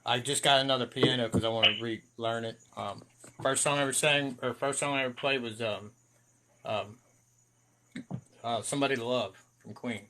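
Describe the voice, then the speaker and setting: A man in his forties in a casual chat, joking, swearing and breaking into loud bursts. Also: medium pitch, steady tone, moderate pace. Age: 40s.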